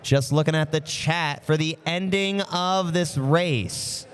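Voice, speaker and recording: A man giving lively live commentary at a model car race for a stream, chatty and reading out viewer comments. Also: fairly high pitch, slow, slight background noise. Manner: chatty, energetic, reads out viewer chat.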